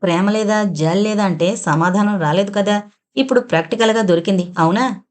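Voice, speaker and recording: A woman's voice: medium pitch, a little fast, close to an everyday voice. A woman voicing an impulsive young man who insists on a straight answer, in an audio novel. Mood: teasing.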